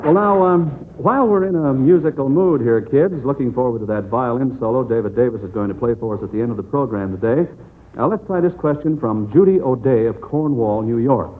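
A man with a medium-pitched voice, speaking a little fast, substitutes as quizmaster on a 1940s radio quiz and chats in a friendly, folksy way with children. The recording is a tinny, noisy old radio broadcast.

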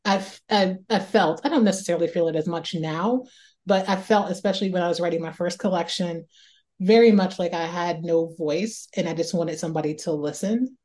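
A fairly low, darkish voice delivered briskly belongs to a woman author from Northeast Ohio. She discusses her writing life in a reflective interview, thinking aloud and often repeating herself word by word.

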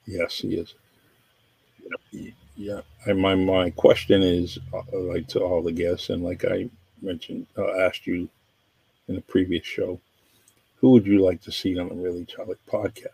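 Gravelly deep-voiced male podcast host. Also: flat delivery, unhurried, a little mellow, no echo, low-quality recording. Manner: rambling, appreciative, many fillers. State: nagging cough. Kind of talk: casual interview chat.

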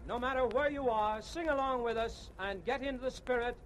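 A very high-pitched American man declaims like a grand master of ceremonies of 1940s radio. He addresses people in an outdoor city square in a ceremonial manner. The old broadcast recording carries faint noise. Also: fairly quick, fairly bright tone. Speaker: song leader and master of ceremonies.

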